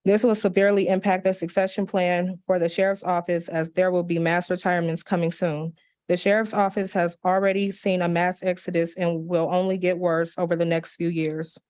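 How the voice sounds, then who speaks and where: Public comment letters are read aloud by a woman at a county commission meeting. She speaks at a fairly low pitch in a steady, deliberate manner, with minor slips and restarts along the way.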